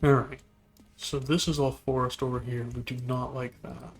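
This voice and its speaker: A man giving relaxed, musing commentary while playing a video game, now and then talking to things on screen. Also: mid-range voice, moderate pace, creaky, faint music behind. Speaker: gameplay video host. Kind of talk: casual gameplay commentary.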